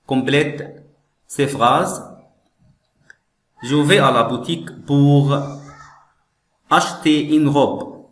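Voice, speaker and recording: A man teaching French, explaining slowly and patiently, repeating each phrase and glossing it in English. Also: a little high. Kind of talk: slow classroom explanation. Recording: echoey room.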